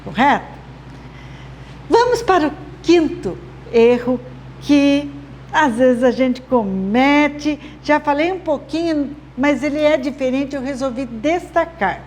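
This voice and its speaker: A woman, a literacy teacher explaining to parents slowly and patiently, often checking they follow. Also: high-pitched, lively intonation, a little mellow, a little hiss or hum. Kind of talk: instructional video talk to parents.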